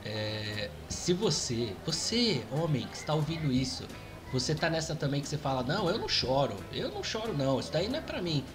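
A Brazilian man in casual podcast chat, expressive and slangy, speaking straight to the listeners. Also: on the high side, fast, over music. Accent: Brazilian Portuguese.

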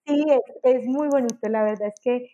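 Animated woman explaining types, soft mellow timbre, slightly muffled recording. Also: a little high, moderate pace. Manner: animated, acts out examples with exclamations. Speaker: enneagram guest expert. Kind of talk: explanatory conversation.

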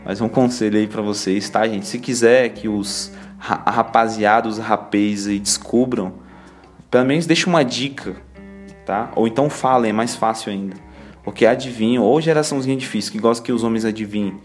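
A man's voice: on the low side, a little fast, soft background music. Laid-back young Brazilian man, slangy chat. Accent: Brazilian Portuguese. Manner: chatty, laid-back, heavy on slang fillers. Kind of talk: casual devotional reflection.

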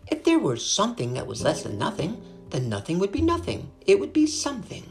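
A woman's voice: mid-range voice, huge pitch swings, brisk, a little mellow, soft background music, voice pushed up. Woman voicing an earnest young pig. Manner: pleading, earnest.

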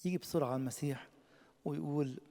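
A man with an Egyptian Arabic accent preaching a sermon, impassioned, swinging from loud emphatic peaks to quiet low lines. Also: quick pace, creaky, big-room sound.

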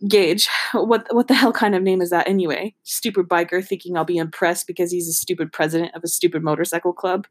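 A woman's voice: lowish voice, fairly even intonation, quick pace, hardly any pauses, slightly rough. A woman reading a novel aloud in an amateur, casual way, giggly and breaking off to joke and comment. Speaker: podcast host reading a book aloud.

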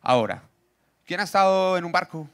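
A man preaching a sermon, reading scripture and joking with the congregation through quick questions. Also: sits high, animated. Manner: jokey, asks the audience questions, reads scripture aloud.

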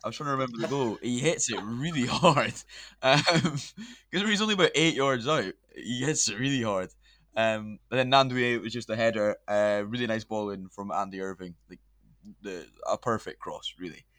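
Bright-voiced man chatting football. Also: medium pitch, moderate pace, no echo, studio quality. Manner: laughs often, chatty. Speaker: podcast host. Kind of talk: casual football chat.

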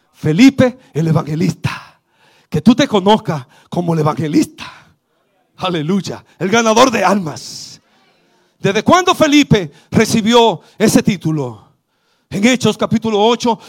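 Brief: Dominican man preaching at a church service, very high husky voice, fervent and rising to shouts, calls out to the congregation. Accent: Dominican Spanish. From Dominican Republic. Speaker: bishop preaching. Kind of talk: sermon.

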